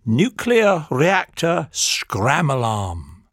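A man announcing comic sound effects in a slow, deadpan manner before performing them. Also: a little high, dry recording, studio quality.

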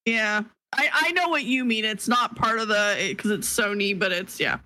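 A woman's voice: medium pitch, normal speed, low-quality recording. A woman co-hosting a gaming podcast, chatting casually and reading a news article aloud with laughs and restarts. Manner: laughing, excitable, trails off into restarts. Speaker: podcast co-host.

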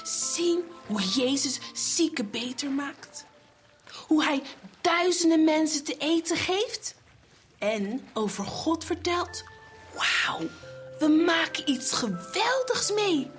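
Petrus, a woman doing an excitable fisherman. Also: sits high, soft background music, full character voice. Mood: excited. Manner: exclaiming, wide-eyed, quick to cry out. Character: excitable eager fisherman Peter, adult man.

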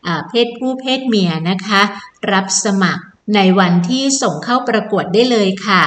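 A woman's voice: medium pitch, moderate pace, fairly bright tone, roomy sound. A woman presenter giving a promotional event announcement, politely inviting listeners and repeating key details. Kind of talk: promotional announcement, semi-scripted.

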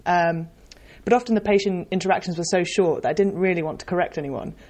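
A woman's voice: on the low side, quick pace, a little mellow. A young woman, chatting casually on a podcast. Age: young adult. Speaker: medical student on a podcast. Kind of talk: casual chat.

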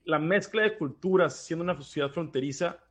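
A man's voice: a little high, fairly quick, a bit bright. A man from Baja California with a northern Mexican accent, talking casually as a podcast co-host. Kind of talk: casual conversational discussion.

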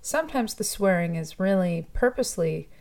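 This woman, a musician from Toronto, Canada, is a guest in a casual interview, where she talks thoughtfully and chattily, laughing often. Her medium-pitched voice is creaky and somewhat dark, with lively intonation at a moderate pace.

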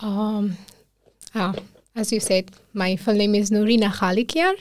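An earnest woman with an Afghan accent, a physician, appears as a guest in a casual interview conversation. She tells emotional stories with quoted speech and laughter, in a medium-pitched, darkish voice with fairly even intonation and a measured pace. The sound is dry, without echo.

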